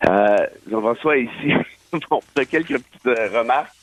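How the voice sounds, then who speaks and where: This Québécois-accented political and legal commentator delivers emphatic, opinionated radio commentary laced with wry asides. His medium-pitched voice moves at a moderate pace over a tinny, dry phone line with no echo.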